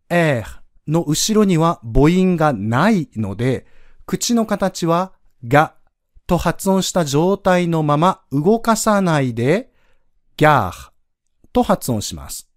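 Slow, patient male language teacher. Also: a little high, dry recording, clean studio sound. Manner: patient, slow step-by-step explaining with spoken demonstrations. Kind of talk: podcast pronunciation lesson.

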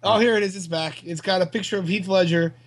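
A man co-hosting a casual podcast, loud and sarcastic, joking and swearing often. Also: high voice, steady tone, fast, a crowd in the background. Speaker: podcast co-host. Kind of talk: casual chat.

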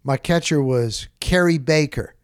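Unhurried and candid, this middle-aged sportscaster and podcast host rambles through casual stories in an animated, salty style, hammering points home by repeating phrases. His fairly high voice sounds clean, recorded dry with no echo or room sound.

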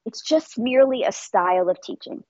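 A woman's voice: fairly high pitch, expressive, fairly quick, darkish tone, no echo, lo-fi sound. A woman who trains dance instructors answers interview questions thoughtfully, often saying "I feel" and repeating words.

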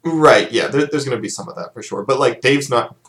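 A man's voice: medium pitch, brisk, a bit bright. A man hosting a podcast, chatting casually and rambling with fillers and restarts. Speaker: podcast host. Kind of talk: casual chat.

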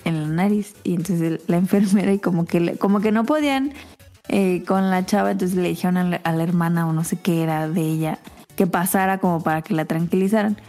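Mellow-voiced woman telling a chatty story. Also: fairly low pitch, a little fast, soft background music. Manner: chatty, animated anecdote teller. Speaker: podcast co-host. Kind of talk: casual storytelling chat.

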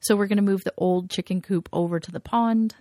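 A woman's voice: medium pitch, fairly even intonation, fairly quick, dark tone, dry recording, clean studio sound. A woman co-hosting a casual podcast, chatting and gushing with frequent laughs, rambling as she goes. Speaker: podcast co-host. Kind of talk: casual chat.

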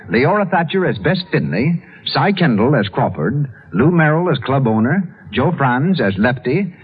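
A man working as the announcer on an old radio broadcast, reading cast credits in a formal, even announcer style. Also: medium pitch, husky. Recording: dull lo-fi 1930s radio recording.

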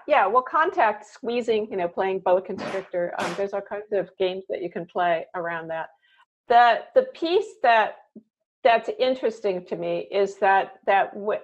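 A woman hosting a casual conversation, reflective and rambling, with many fillers. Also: medium pitch. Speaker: host. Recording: dull lo-fi sound.

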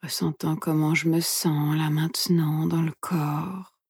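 A woman leads a guided meditation very slowly in a soothing, breathy near-whisper. Her tone is mellow and rather low, with soft pauses between phrases. The sound is close and dry. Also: flat delivery, dry recording. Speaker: meditation instructor and podcast host.

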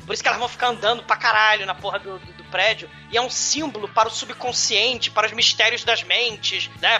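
A man retelling a horror film in casual podcast chat, crude and joking, mimicking characters in high voices. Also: pushed and bright. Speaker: podcast co-host.

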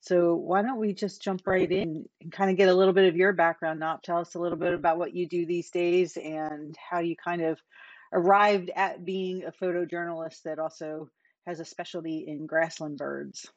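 A woman hosting a podcast, introducing her guest in a relaxed way with a few fillers. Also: fairly low pitch, normal speed, no room sound. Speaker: podcast host. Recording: dry, dull lo-fi sound.

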